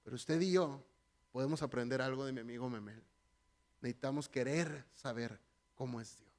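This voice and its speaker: A man preaching a conversational sermon as pastor, animated and joking, talking straight to the congregation. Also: medium pitch, normal speed.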